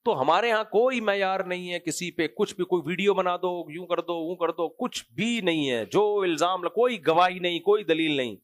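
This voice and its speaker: Animated man giving a fairly high-pitched lecture. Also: hardly any pauses. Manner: animated, conversational, sarcastic asides. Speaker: mufti giving Quran commentary. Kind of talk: sermon-style lecture.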